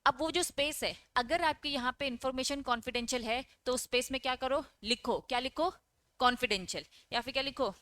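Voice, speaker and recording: A woman with a high-pitched, fairly bright voice speaks a little fast on a dry recording. She's teaching an online exam-prep lecture, reading English lines from the text, explaining them, asking her students questions and answering them herself, and often checking in with "okay?".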